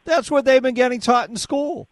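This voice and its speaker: A man's voice: extremely high pitch, normal speed, no echo. A male radio host on a call-in show, leading the caller along with pointed questions. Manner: probing, leads the caller with questions. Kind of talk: call-in talk radio debate.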